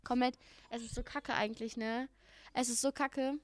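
A young woman co-hosting a casual podcast chat, animated, laughing and swearing freely. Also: fairly high pitch, normal speed, dry recording, studio quality. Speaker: podcast co-host.

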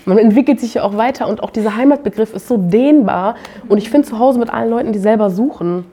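A woman's voice: a little high, quick pace, dark tone, slightly rough. A young woman poet talking casually on a live panel, telling stories animatedly and laughing often.

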